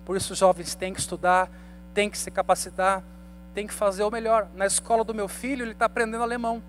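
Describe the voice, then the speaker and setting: Pastor guy in his 30s, really high voice for a man, chatty bible study sermon with a faint hum behind. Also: flat delivery, fast talker. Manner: conversational, asks the congregation rhetorical questions.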